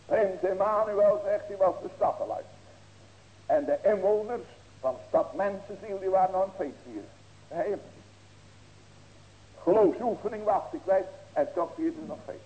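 Pastor preaching with sudden cries. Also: male voice, high voice, normal speed, long pauses, highs cut off. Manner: preaching with sudden loud raised cries and rhetorical questions. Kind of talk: sermon.

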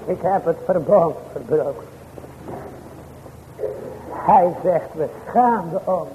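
A man preaching a sermon in a high, animated voice. His delivery is slow and drawn out, and he speaks formal, old-fashioned church language. The recording is thin and phone-like, with a long hall reverb and faint noise. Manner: preaching with sudden rises and drops in pitch and loudness.

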